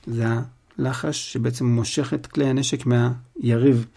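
Storyteller, man, dark and gravelly, reads a book aloud with plain explanations. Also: medium pitch, fairly even intonation. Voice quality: explains plot in casual asides. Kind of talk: audiobook reading with explanations.

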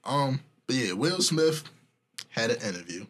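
A man with a husky voice chatting casually in laid-back, slangy frat-bro banter, swearing freely. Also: mid-range voice, expressive, a little slow, a bit bright. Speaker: podcast co-host.

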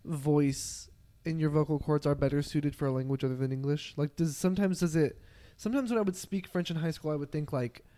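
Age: young adult. Role: podcast host. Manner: rambling casual chat, full of fillers. Pitch: mid. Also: fairly even intonation, a little fast, mellow.

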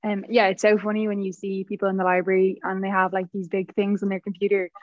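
A young woman hosts a casual interview at a medium pitch. Her audio is dry and a little dull, with conversational, informal phrasing. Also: flat delivery, fast, no room sound. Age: young adult. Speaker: podcast host, student.

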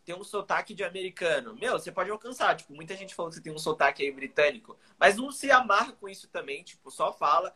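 A man from Brazil chatting casually as a podcast host, relaxed and full of filler words. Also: high-pitched, fast talker, hardly any pauses, breathy edge. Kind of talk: casual chat.

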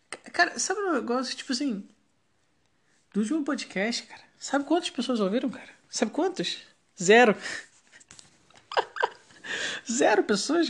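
A woman with a Brazilian Portuguese accent hosting a casual solo podcast, rambling in slangy, profanity-heavy talk. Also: on the high side. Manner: slangy, heavily profane, digressive. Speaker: podcast host.

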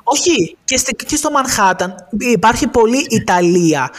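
A man's voice: very high voice, expressive. A man co-hosting a podcast, chatting casually and eagerly, mixing in English phrases. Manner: enthusiastic, tosses in English phrases. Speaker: podcast co-host. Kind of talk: casual chat.

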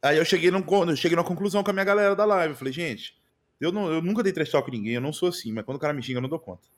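Brazilian man, streamer guest, rapid slangy chat, slightly high voice. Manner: slangy, animated, repeats mano and velho. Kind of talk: casual podcast chat.

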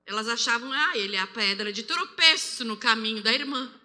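Bright-voiced Brazilian woman preaching. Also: on the high side, fairly quick. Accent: Brazilian Portuguese. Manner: animated, acts out quoted voices. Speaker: preacher giving testimony. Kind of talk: testimony sermon. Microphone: handheld microphone. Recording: long hall reverb.

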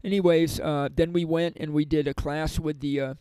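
A man's voice: fairly high pitch, fairly even intonation, moderate pace, dark tone, clear, resonant tone, dry recording, low-quality recording. A middle-aged man who teaches yoga and meditation in prisons, telling stories in a rambling way with many restarts. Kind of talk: conversational storytelling interview.

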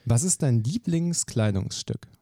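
Male podcast host, gravelly, animated delivery, dry booth sound. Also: medium pitch, no echo. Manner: brisk, lively questioning. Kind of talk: quick-fire question interview.

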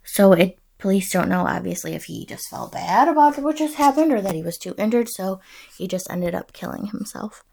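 A woman with a mid-pitched voice and noticeable creak narrates true crime as a podcast host. She tells it in a casual, conversational way with offhand asides. The sound is dry, with very little room around it. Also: animated, a little fast, a little mellow, no room sound. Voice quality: creaky vocal fry.

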